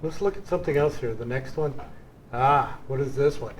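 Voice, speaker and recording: A man's voice: mid-range voice, normal speed, slight background noise, rough recording. A man hosting an art showcase, chatting effusively with a guest about her paintings. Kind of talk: casual interview.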